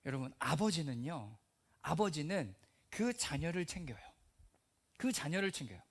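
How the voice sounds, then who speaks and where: Middle-aged male pastor, high and lively voice, expressive sermon delivery with whispered asides. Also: normal speed, breathy edge. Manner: animated, acting out quoted voices and dropping to near-whispers. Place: church hall.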